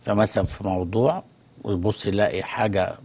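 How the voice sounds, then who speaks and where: An Egyptian man with an Egyptian Arabic accent, a talk show guest calmly explaining through stories. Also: lowish voice, brisk. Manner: storytelling, calm and explanatory. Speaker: guest expert on immigration. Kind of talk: studio talk show conversation.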